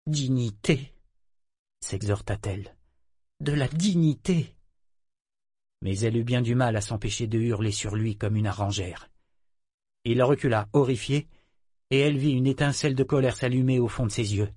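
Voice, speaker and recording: A man's voice: fairly low pitch, husky, no echo, studio quality. Man giving dramatic audiobook narration. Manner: dramatic, expressive reading. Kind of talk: scripted novel narration.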